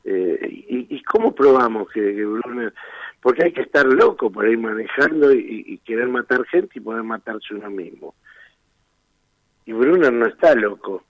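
With an Argentine Spanish accent, a man speaks at a normal pace in an expressive, mid-range voice; the recording has no echo and its highs are cut off. He is a defense lawyer insistently arguing his case in a radio interview, firing off rhetorical questions.

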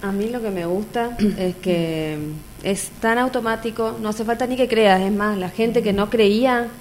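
A woman's voice: medium pitch, measured pace, darkish tone, a little hiss or hum. A woman with an Argentine accent, a mother sharing her personal experience in an open, earnest conversational way. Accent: Argentine Spanish.

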